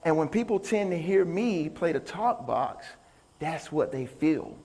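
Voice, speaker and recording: Unhurried yet animated, a man with a slightly mellow voice on the high side banters with his audience. He's a motivational speaker and musician giving a folksy, upbeat live talk at a large indoor stage venue, captured with reverberant hall sound.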